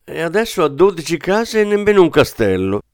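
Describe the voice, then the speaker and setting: A man reading an audiobook, voicing a lively, teasing society hostess who exclaims and laughs easily. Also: fairly high pitch, a little fast, no room sound, clean studio sound, voice pushed up.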